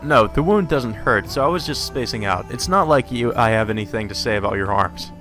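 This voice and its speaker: During a let's play, a man reads a visual novel aloud and keeps breaking off to swear and react in disbelief at the script, casual and irreverent. His mid-range voice is lively, fairly bright and a bit fast, with faint music underneath.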